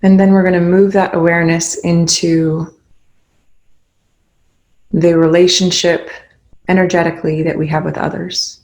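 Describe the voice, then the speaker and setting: A meditation guide leads a guided meditation, offering gentle instructional phrases separated by pauses. The voice sits at a medium pitch and stays level in tone.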